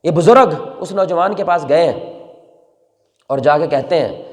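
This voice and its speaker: A male preacher, telling a story in an emotional sermon that swings between soft pleading and loud exhortation. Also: on the high side. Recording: long reverb in a large hall.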